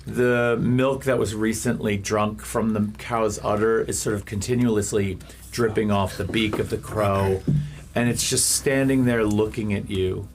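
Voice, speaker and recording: A man runs a tabletop fantasy game as game master. His voice sits a bit low, and he describes scenes off the cuff in stop-start phrases with dramatic pauses. There is faint room noise behind him. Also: fairly even intonation. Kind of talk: improvised tabletop game narration.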